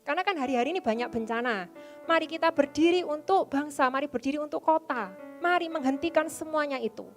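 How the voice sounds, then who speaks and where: A woman preaching with a high, bright voice. She exhorts her youth congregation and keeps asking them questions, with soft music playing faintly behind her. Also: fast talker. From Indonesia. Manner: exhorting, asks the congregation for answers. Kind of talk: sermon.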